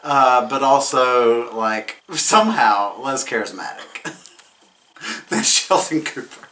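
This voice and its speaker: A man's voice: medium pitch, lively intonation, slow, pushed and bright. A drunk man giving a casual comedic movie recap, rambling, giggly and swearing, and losing track of names as he goes. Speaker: host of a drunk movie review.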